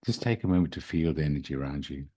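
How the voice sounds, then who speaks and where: A man speaking as a spiritual host, leading a guided meditation in a gentle, soothing, unhurried manner. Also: rumbling low, lively intonation, breathy edge. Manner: slow, soothing, gentle delivery. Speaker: podcast host and spiritual reader.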